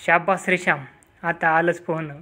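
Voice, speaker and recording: A man's voice: fairly high pitch, level tone, moderate pace, sharp tone, soft background music. A man reading the lines of a cheerful young village man who coaxes a boy to jump and swim. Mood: encouraging. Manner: encouraging. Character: cheerful older village youth teaching swimming.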